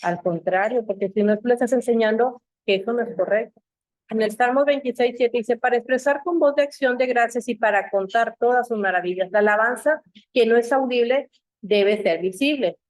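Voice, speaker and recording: Animated woman teaching a church class. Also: on the high side, a little fast, no echo. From Mexico. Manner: animated storytelling, acts out quoted voices. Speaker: Bible institute teacher.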